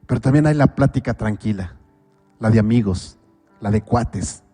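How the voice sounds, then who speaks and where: A man with a Mexican accent preaching a sermon as pastor, asking rhetorical questions and swinging between loud pleas and quiet low asides. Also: moderate pace, breathy edge, long reverb tail, soft background music.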